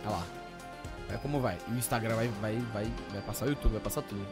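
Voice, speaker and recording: A young man with a Brazilian accent, streaming and reacting excitedly with lots of slang and exclamations. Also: on the low side, fast, loud music behind the voice. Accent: Brazilian Portuguese.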